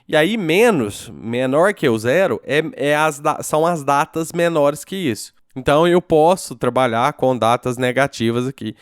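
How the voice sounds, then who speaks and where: A Brazilian-accented man talks through a coding tutorial at his computer, relaxed and unhurried, pausing often to check that the viewer is following. His voice is smooth and resonant, recorded dry and close with almost no room sound. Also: fairly high pitch, no room sound. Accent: Brazilian Portuguese. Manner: relaxed, thinking aloud, checks in with "certo?" after each step. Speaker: programming teacher. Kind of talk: casual screencast tutorial.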